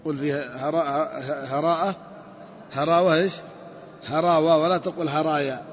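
A man teaching a grammar lesson, explaining step by step and slowly repeating word forms. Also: fairly high pitch, steady tone. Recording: dull lo-fi recording with long reverb.

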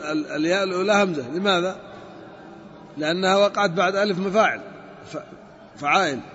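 A man teaching a grammar lesson, explaining step by step and slowly repeating word forms. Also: high-pitched. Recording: dull lo-fi recording with long reverb.

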